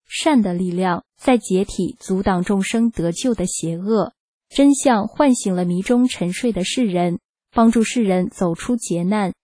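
A woman reading a first-person testimony aloud for radio, earnest and measured. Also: mid-range voice, mellow, breathy edge, no echo. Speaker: radio reader. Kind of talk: scripted narration, read aloud.

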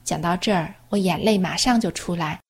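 A woman reading a first-person testimony aloud in an earnest, steady, plain storytelling manner. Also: lowish voice, normal speed, husky.

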